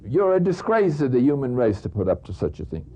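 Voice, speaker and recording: A man's voice: medium pitch, very animated, fairly quick, dark tone. A man voicing an agitated business associate who is outraged at rude treatment. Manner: outraged, heated.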